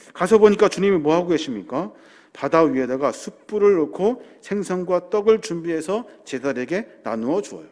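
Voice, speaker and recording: A man's voice: fairly high pitch, darkish tone. A man preaching a sermon as senior pastor, earnest and explaining, building up to emphatic passages. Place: church sanctuary hall. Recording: long church hall reverb.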